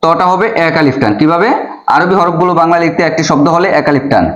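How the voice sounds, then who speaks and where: A man's voice: a little high, fast talker, fairly bright tone. Patient male Quran teacher in an echoey room. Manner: patient, drawing out letter sounds again and again. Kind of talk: step-by-step lesson on Arabic letters. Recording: echoey, dull room sound.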